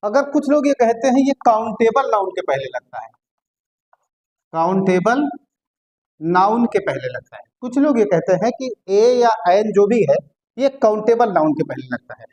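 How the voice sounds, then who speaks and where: A man teaching a casual grammar lesson, who repeats words and drawn-out vowel sounds to show them, often checks whether listeners follow, and drops blunt, joking asides. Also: sits high, big pitch swings, darkish tone, low-quality recording. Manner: chatty asides with blunt colloquial humor.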